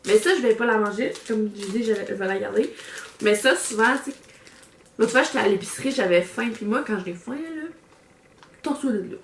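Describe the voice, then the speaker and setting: A woman's voice: a little high, brisk. A woman with a Québécois French accent chatting casually through an unboxing, rambling with lots of fillers and restarts, recorded on a camera mic. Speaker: vlogger reviewing a subscription box. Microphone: camera microphone. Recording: echoey room with faint background noise.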